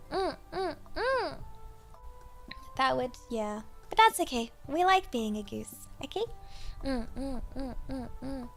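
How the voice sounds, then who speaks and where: A British woman hosting a casual livestream, chatting in a cute anime-streamer manner with playful thank-yous to viewers. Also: high-pitched. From Britain. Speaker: VTuber livestream host. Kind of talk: casual livestream chat, reading out and thanking supporters. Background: music.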